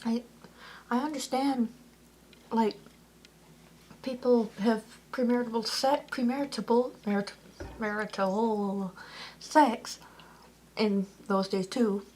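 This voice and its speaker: A woman's voice: on the high side, steady tone, takes it slowly, long pauses, darkish tone, slight background noise. A woman vlogging in a casual, rambling way, peppering her talk with "like" and correcting herself as she goes. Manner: chatty, lots of "like", self-correcting.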